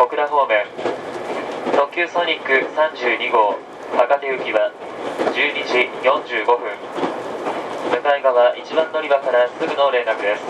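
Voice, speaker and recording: Male conductor, mid-pitched, measured formal announcing, heard distantly through clear train noise. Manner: measured, formulaic and polite. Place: inside a moving train carriage. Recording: train PA from afar, loud carriage rumble. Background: train running noise.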